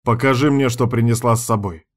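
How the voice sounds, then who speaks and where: A man reading an audiobook plays a dominant young man who gives orders in a gruff voice. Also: medium pitch, steady tone, a little fast, natural voice. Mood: commanding. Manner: gruff, commanding.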